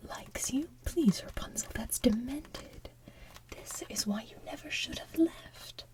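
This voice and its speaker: A woman voicing a smothering, manipulative villain mother from an animated musical, in soft whispered singing. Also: sits high, takes it slowly, pitched above the performer's own voice. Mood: mocking.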